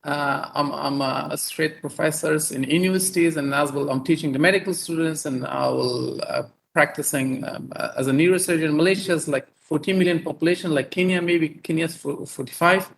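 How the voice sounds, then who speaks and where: Halting Afghan-born male surgeon, fairly high voice. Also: fairly even intonation, gravelly, a bit bright, a little hiss or hum, poor audio. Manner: halting, many fillers and repeated words. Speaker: neurosurgeon and professor presenting. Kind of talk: conference talk over video call.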